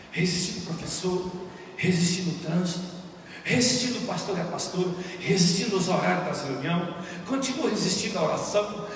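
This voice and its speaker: A man's voice: high-pitched, distant mic, background noise. A male Brazilian pastor preaching a sermon with impassioned, rising delivery, in a church hall. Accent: Brazilian Portuguese. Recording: echoey church hall from afar.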